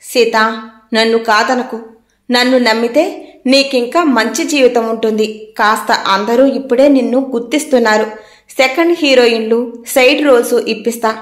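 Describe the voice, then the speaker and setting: A woman's voice: on the high side, normal speed, natural voice. A woman voicing a pushy, flirtatious male film contractor who talks in a familiar, coaxing, insistent way. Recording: echoey room.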